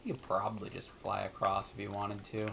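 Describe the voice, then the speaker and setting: A man's voice: on the low side, level tone, a little fast, creaky, background noise. A man co-hosting a casual gameplay chat, joking around and giggling at his own bits. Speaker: co-host.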